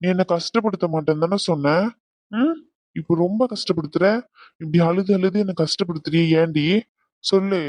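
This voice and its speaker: A man voicing a soft, coaxing young groom. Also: sits high, normal speed, long pauses, no room sound. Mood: soothing. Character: young groom, gentle and doting. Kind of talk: cartoon voice acting.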